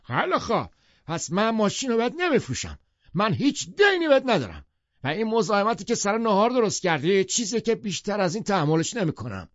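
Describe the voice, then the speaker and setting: A brash, burly wealthy husband, as a male narrator puts him on, blusters in a high, wildly swinging voice. He sounds overbearing and indignant. The audio is dry and a little dull. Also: very animated, dry recording. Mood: annoyed. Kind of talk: audiobook character voice.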